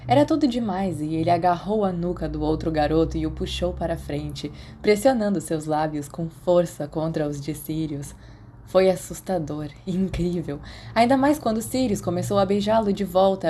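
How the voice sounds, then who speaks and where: Slight background noise sits behind a Brazilian woman's lowish, dark voice as she works as a podfic narrator. She reads fan fiction expressively, audiobook-style, and also chats casually with her audience.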